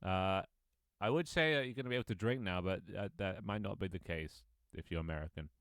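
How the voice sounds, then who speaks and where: On a casual live stream of his own game, a man in his twenties rambles, restarts, says um a lot, and reads chat aloud. His low voice is clear and resonant, fairly bright and a little fast, in clean studio sound without echo.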